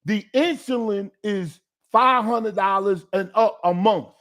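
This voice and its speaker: A high-pitched man hosting a call-in talk show. He rants with heat and emphasis, stumbling over restarts as he pushes his point. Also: a little slow, fairly bright tone. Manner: emphatic, fired-up ranting with repeated restarts. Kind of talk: casual chat.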